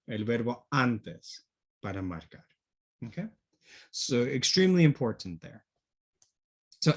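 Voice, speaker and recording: Man, teacher, video call, husky, lively pitch, patient check-ins. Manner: patient, checks understanding with frequent "okay?". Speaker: English teacher. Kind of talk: online class, switching between English and Spanish.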